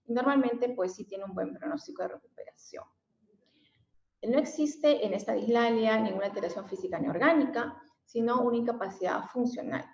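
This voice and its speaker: A special education teacher from Mexico gives an explanatory lesson, often adding fillers and tag questions. Her voice is fairly high and a little fast, and the recording is dull and lo-fi in an echoey room.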